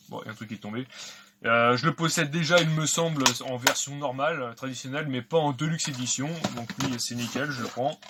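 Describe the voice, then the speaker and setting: Chatty man unboxing games, noisy background. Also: medium pitch. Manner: chatty, hesitant with many fillers. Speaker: video game collector vlogger. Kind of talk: casual unboxing commentary.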